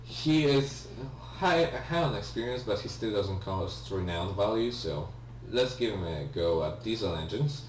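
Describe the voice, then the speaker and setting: He's a young let's-play gamer whose native language is Polish, and his accent shows it. His lowish voice is animated, his pace measured with few pauses, but he hedges constantly, with many ums, restarts and apologies as he comments on his game. Echo, a faraway mic and a faint hum color the recording.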